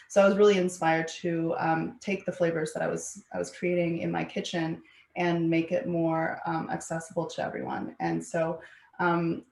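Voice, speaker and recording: A woman founder speaking in a level, low-set voice that barely rises or falls. She talks in measured phrases with frequent pauses and fillers. Her voice carries a roomy echo. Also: vocal fry, a little mellow, slight background noise. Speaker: food company founder. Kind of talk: panel interview answer. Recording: echoey room.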